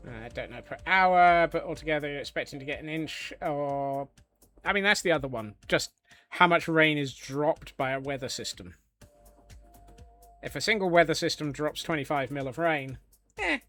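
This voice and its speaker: A man's voice: a little high, normal speed, a bit bright, faint music behind. A man from Scotland chatting casually on a live gaming stream, joking along with viewers and answering their questions. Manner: chatty and jokey, answering chat.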